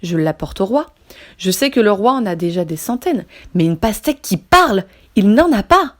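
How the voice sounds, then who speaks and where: A woman doing an excited gullible elephant. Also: mid-range voice, normal speed, close to an everyday voice. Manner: eager, exclamatory.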